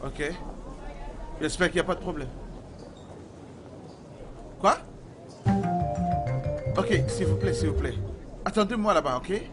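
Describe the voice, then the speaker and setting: A man dubbing a hot-tempered young man in a film drama who stammers and shouts when angry. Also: fairly high pitch, expressive, takes it slowly, pauses often, over music. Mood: polite, anxious.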